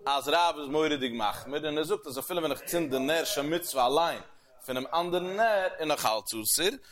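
A man giving a Talmud lecture as a religious teacher, animated, with sweeping rises and falls in pitch. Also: a little fast. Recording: crowd heard behind the voice. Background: crowd murmur.

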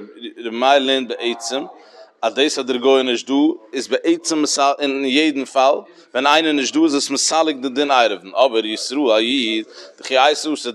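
A man teaching a Talmud lesson in a sing-song study cadence with many fillers. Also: medium pitch.

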